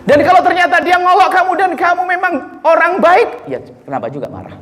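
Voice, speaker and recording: A man from Indonesia preaching a lively sermon, acting out the people he quotes and swinging between low murmurs and high exclamations. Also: fairly quick. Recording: roomy hall echo, faint ambience.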